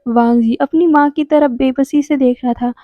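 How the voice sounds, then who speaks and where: High-voiced female storyteller, expressive and chatty, dull lo-fi recording. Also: moderate pace, no echo. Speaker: story narrator. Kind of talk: story retelling narration. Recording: dry, dull lo-fi sound.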